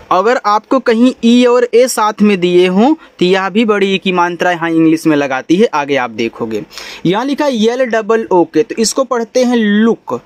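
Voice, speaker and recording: High-voiced male teacher, close dry sound. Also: no room sound. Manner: patient, repeats and checks with the listener. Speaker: English teacher. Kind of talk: step-by-step spoken lesson.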